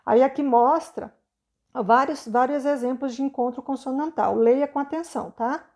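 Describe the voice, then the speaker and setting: A Brazilian woman teacher explaining a lesson to children patiently, sounding words out slowly and checking understanding often. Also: sits high, a little mellow. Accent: Brazilian Portuguese.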